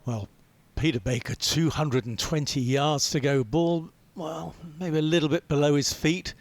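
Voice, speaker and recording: A man's voice: fairly high pitch, steady tone, a little slow. Man giving chatty golf commentary. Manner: chatty, asks rhetorical questions. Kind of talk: golf commentary, conversational analysis.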